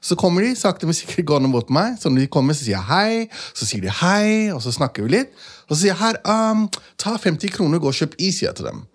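A man's voice: fairly high pitch, very animated, slightly rough. A man telling a personal story in an earnest way, lifting his voice for the quoted lines. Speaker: guest, founder. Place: studio in a city.

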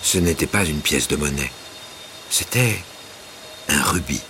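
A man giving theatrical scripted narration of a legend, swelling at tense moments and hushing at calm ones. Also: extremely low pitch, a little slow, a little hiss or hum. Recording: music bed underneath.

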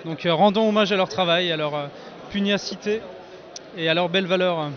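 A man with a notably high voice talks earnestly and enthusiastically in a festival interview. He is recorded outdoors, and the sound is muffled and lo-fi. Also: brisk, a bit bright. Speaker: cheese and charcuterie platter maker.

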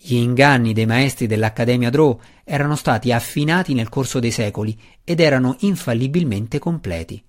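A male audiobook narrator telling a fantasy story. His reading is steady and expressive, and his voice sits at an ordinary male pitch. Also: fairly quick, few pauses.

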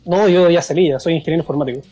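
A man, calling in to a radio show and answering with deadpan jokes. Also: fairly high pitch, racing, slightly rough, soft background music. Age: 20s. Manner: deadpan, joking replies. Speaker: caller.

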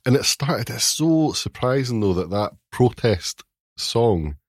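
A man co-hosting a podcast, delivering dry deadpan jokes with hesitant ums. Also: mid-range voice, takes it slowly, dry recording. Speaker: podcast co-host. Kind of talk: casual chat.

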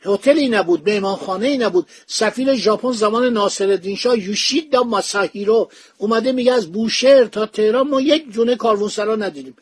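Husky high-voiced man telling history. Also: no echo. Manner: anecdotal retelling, acts out quoted dialogue. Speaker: history podcast host. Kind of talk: casual storytelling lecture. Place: home study with bookshelves.

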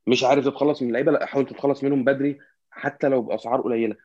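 A man with an Egyptian Arabic accent in casual football discussion, halting and repetitive as he searches for words. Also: medium pitch, fairly even intonation, a little mellow, no echo, highs cut off. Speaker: football fan commentator.

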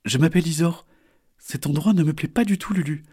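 A man's voice: a little high, fairly quick, a little mellow, husky, pitched above the performer's own voice. A man voicing a naive young female snapping turtle in a storybook, talking in a bouncy, innocent way. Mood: chirpy.

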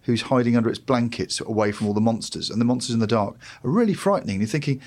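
A man's voice: mid-range voice, fast talker, darkish tone. A man with a British accent, discussing culture discursively and slipping into imagined quotes as he explains. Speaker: panel commentator.

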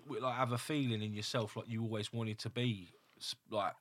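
Host, man, 30s, slightly low voice, blunt and sweary. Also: steady tone, fairly quick, a bit bright. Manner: blunt, swears freely, many fillers. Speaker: podcast host. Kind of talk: casual interview chat.

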